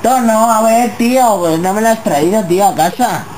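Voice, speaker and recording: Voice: medium pitch, moderate pace. Insistent caller from Spain on a noisy landline. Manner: insistent, colloquial, repeatedly asking. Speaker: prank caller. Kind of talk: casual phone complaint, slangy. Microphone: over a landline phone. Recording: noisy landline phone call.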